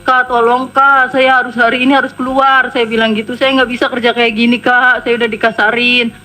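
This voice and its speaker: A woman, a household worker, giving testimony at a hearing and emotionally recounting events, quoting her employer in quick bursts. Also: a little high, level tone, bright, forceful tone, faint music behind, low-quality recording.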